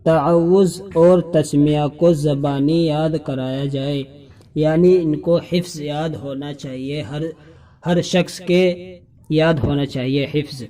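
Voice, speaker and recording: A young man teaching Quran reading, spelling out syllables slowly and chanting the verses. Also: a little high, fairly even intonation, mellow. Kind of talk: spelling-out lesson with chanted recitation.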